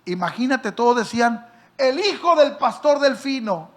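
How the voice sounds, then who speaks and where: A male pastor, preaching by telling a story and questioning his listeners directly, acting out the people in it with sudden loud and soft swings. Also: extremely high pitch, lively intonation, normal speed. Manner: acts out quoted voices with big swings in loudness. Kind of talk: sermon storytelling.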